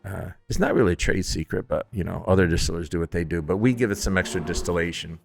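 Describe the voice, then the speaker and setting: A man's voice: low-pitched, fast talker, gravelly, no room sound, soft background music. A man from Upstate New York, a distillery founder, telling stories casually in an interview, acting out quotes with jokey, self-deprecating humor. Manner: animated storyteller who acts out quotes, jokey and self-deprecating.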